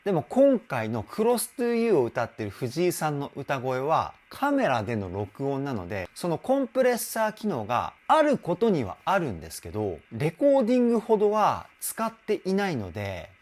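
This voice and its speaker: Lively, excitable male vocal coach. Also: a little high. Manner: excitable, chatty and self-deprecating; breaks into sung vocal demonstrations. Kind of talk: song reaction and vocal analysis.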